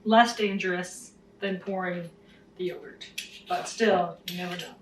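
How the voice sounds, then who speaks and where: A woman chatting casually to camera in a vlog, with playful, mock-serious deadpan humour. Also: on the low side, a little slow, slight background noise. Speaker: vlogger.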